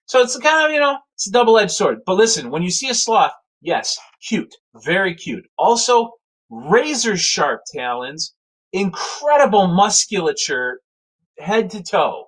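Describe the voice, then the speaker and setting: A man telling a casual spoken anecdote in a rambling, animated way, full of fillers and restarts. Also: high voice, unhurried, low-quality recording. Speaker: storyteller.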